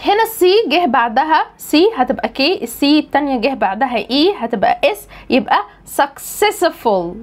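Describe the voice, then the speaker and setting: A woman's voice: high-pitched, fast talker, hardly any pauses. A young woman with an Egyptian Arabic accent, an English pronunciation trainer, explaining a lesson and answering her own questions. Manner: lively teacher, asks and answers own questions.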